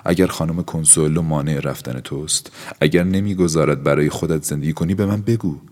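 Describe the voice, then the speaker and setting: A man's voice: rumbling low, a little mellow. A man voicing an insistent young man in an audiobook, pressing with raised, urgent questions. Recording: long hall-like reverb.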